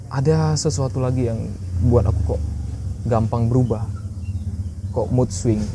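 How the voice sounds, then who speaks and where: A man telling his own story in a casual, candid podcast chat. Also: mid-range voice. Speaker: guest. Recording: noisy background.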